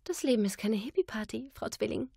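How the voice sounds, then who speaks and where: An arrogant, ice-cold businesswoman, as a woman reader puts her on, voiced higher than the narration and dragging out her words with disdain. The lines sound clear and close, in a dry booth. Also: lively intonation, mellow, no echo, exaggerated voice. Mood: haughty. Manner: drawn-out, condescending. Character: haughty, cold businesswoman landlord agent.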